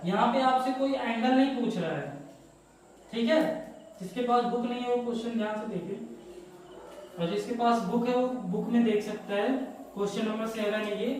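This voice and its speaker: Male maths teacher, explains each step slowly and checks in with the class, recorded far off in a very echoey room. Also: very high voice, a little mellow, slight background noise. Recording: echoey room, heard from a distance.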